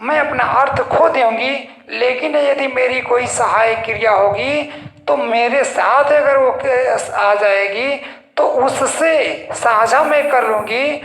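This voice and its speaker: A man's voice: extremely high pitch, slow, creaky, a bit bright, roomy sound, heavily acted, poor audio. A male teacher speaking as a personified verb, a female figure who frets that she will lose her meaning, in pleading first-person lines.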